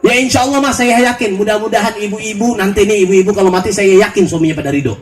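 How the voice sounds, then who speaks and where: A man preaching a humorous sermon to a congregation, quizzing the crowd with repeated questions and mimicking people in quick asides. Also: high voice, distant mic. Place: outdoor park gathering.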